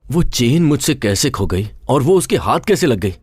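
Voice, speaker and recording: An exasperated young hero. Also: male voice, mid-range voice, very animated, moderate pace, darkish tone, slightly rough, no echo, clean studio sound. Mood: pleading. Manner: exasperated, pleading. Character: frustrated young man accused of lying. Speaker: film hero. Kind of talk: Hindi film dub. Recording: faint film music behind.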